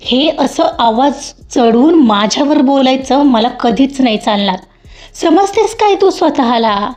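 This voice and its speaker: During a storybook reading, a woman with a high, expressive voice speaks a little slowly as she plays an angry young man who moves from pleading to threats, shouting with bitterness and sneers. The lo-fi recording sounds dull, with faint music.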